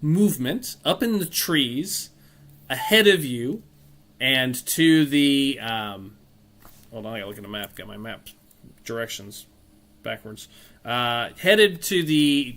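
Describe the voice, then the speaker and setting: A man's voice: medium pitch, fairly bright tone. Hesitant man running a tabletop game. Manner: hesitant, thinking aloud with fillers. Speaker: game master.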